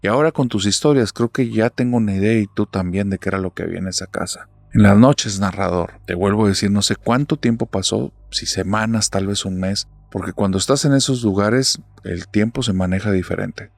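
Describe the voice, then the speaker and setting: Male horror storyteller, Mexican accent, low pitch, earnest and intense, dry close mic. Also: fairly quick, creaky, hardly any pauses, no room sound. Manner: earnest, intense, addresses the listener directly. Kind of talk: first-person horror story narration.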